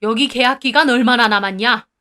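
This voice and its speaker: A woman voicing a proud old grandfather who scolds slowly and sternly. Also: fairly high pitch, sharp tone.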